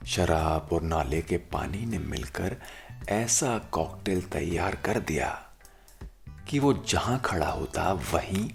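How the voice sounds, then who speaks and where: A man narrating a scripted story dramatically, with deliberate, suspenseful pauses. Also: low-pitched, lively intonation, gravelly, faint music behind.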